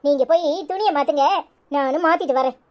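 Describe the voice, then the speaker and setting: A woman doing a high, bossy young wife with a Tirunelveli Tamil accent. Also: fast, lightly acted. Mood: scolding. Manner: scolding, defiant. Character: sharp-tongued young wife, defiant and bossy. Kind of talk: cartoon voice acting.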